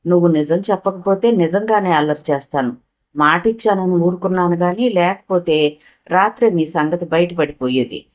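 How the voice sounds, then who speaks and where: A woman's voice: on the low side, moderate pace, close to an everyday voice. A woman voicing a stubborn young woman from a wealthy house who keeps pressing for the truth. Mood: insistent. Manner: demanding, pressing questions.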